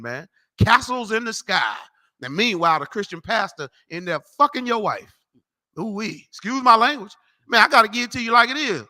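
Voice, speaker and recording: This man is a street preacher whose high voice sounds tense, cutting, bright and forceful. Teaching a class with loud street-corner Bible lessons, he curses, mocks, and brashly tells people off.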